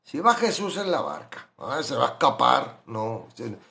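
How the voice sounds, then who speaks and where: Animated man preaching. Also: mid-range voice, moderate pace, creaky. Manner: animated, rhetorical questions, acts out quoted voices. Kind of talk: sermon-style Bible reflection.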